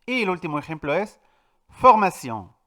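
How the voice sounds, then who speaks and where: A man teaching a French pronunciation lesson, clear and patient, repeating each example word slowly and with stress. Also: fairly high pitch, big pitch swings, fairly bright tone. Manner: addresses viewers directly, with filler "eh". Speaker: language teacher.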